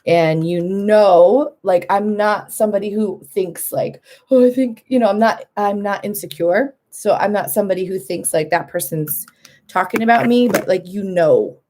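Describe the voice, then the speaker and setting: A woman vlogger in her thirties talks candidly to camera at normal speed in a mid-range, dark-toned voice. Chatty and quick to laugh, she acts out other people's lines in a lifted voice.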